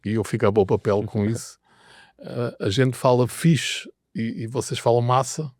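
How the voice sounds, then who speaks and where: A man's voice: mid-range voice, normal speed, a little mellow, no room sound, studio quality. A middle-aged man from Portugal with a European Portuguese accent, telling wry stories as an interview guest, with hesitant restarts. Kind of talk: anecdotal interview answers.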